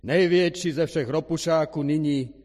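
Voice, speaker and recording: A man putting on a loud, proclaiming announcer voice that introduces a performer in a storybook dream. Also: on the high side, pitched above the performer's own voice, close to an everyday voice. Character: booming unseen stage announcer voice. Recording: reverberant church hall.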